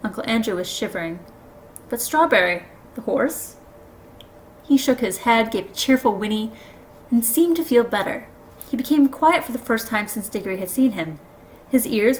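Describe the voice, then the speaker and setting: A woman reading a children's novel aloud, expressive and lively. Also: mid-range voice, normal speed, a little hiss or hum, low-quality recording. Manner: expressive, does voices for characters. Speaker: storybook reader.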